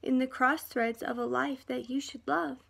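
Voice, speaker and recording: A woman with a high voice talks straight to her viewers in a rambling, heartfelt monologue. She drifts between earnest pleading and a soft hush, speaking from a half-unpacked house. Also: fairly even intonation, moderate pace, gravelly, breathy edge. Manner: rambling and emotional, sometimes dropping to a soft hush.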